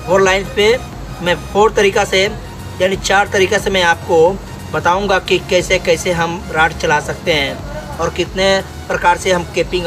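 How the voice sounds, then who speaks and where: A young man with an Indian accent teaching welding step by step, repeating each instruction, recorded on a workshop floor. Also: sits high. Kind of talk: hands-on tutorial.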